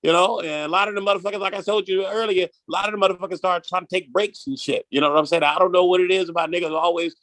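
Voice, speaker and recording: Guy rattling off fast profane stories on a comedy podcast, kinda high voice, keeps repeating himself. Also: fairly even intonation, a bit bright, no room sound. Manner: profane, rambling storyteller who repeats himself. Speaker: podcast guest. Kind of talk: comedic interview.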